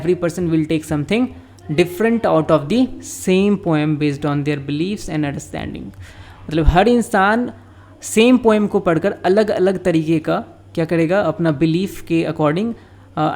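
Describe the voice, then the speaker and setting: A man teaching English literature, reading lines slowly in English and then explaining them in Hindi with frequent filler sounds. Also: fairly high pitch, darkish tone.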